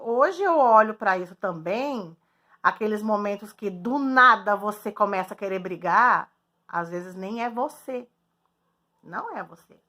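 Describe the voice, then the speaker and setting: A young adult woman from Brazil in a casual, frank monologue to her viewers, chatty and quick to laugh. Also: a little high, a bit bright. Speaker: vlogger.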